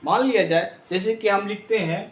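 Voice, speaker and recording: A man's voice: sits high, moderate pace, roomy sound. A man teaching a lesson, spelling letters out one by one. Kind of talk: classroom lesson.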